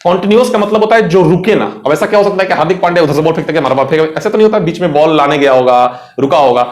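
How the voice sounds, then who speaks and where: A young man with an Indian accent, his voice on the high side and very fast in a roomy space, teaches English vocabulary for an exam. He is chatty, mixes Hindi into his English, and keeps asking his students questions as he explains words.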